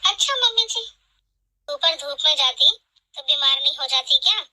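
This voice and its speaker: A woman voicing a kind young daughter-in-law in an animated family drama, speaking gently and earnestly. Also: high-pitched, moderate pace, exaggerated voice, low-quality recording. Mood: pleading.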